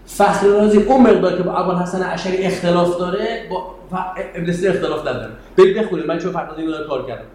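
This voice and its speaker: Man lecturing a class, bit high voice, chatty and wandering, echoey room w/ faint hum. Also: a little mellow. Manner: conversational, digressive, asks students questions. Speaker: university lecturer.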